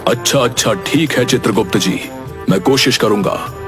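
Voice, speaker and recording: A man's voice: mid-range voice, normal speed, music in the background, lightly acted. A man playing a stern, commanding and easily exasperated god of death in a cartoon. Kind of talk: Hindi cartoon dialogue.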